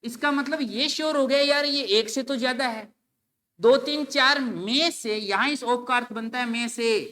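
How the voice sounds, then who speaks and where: A male teacher giving an exam-prep grammar lecture, animated and mixing with English while acting out his students' questions. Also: very high-pitched, normal speed.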